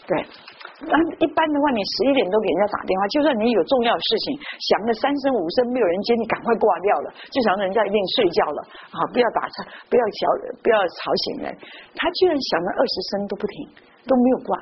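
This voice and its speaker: Woman preacher, rapid and animated storyteller, slightly high voice, dull lo-fi capture. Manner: lively storytelling with frequent interjections. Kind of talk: sermon with personal stories. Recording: muffled lo-fi recording with faint noise.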